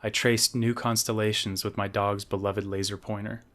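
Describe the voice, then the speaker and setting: A man, the author, reading his own novel aloud as measured scripted narration. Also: fairly low pitch, level tone, fairly bright tone.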